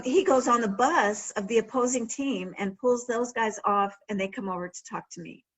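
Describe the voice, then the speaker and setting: A woman's voice: medium pitch, a bit bright, breathy edge, rough recording. A middle-aged woman, an author and former sportswriter, telling anecdotes in a conversational library talk and often restarting her sentences. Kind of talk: storytelling talk.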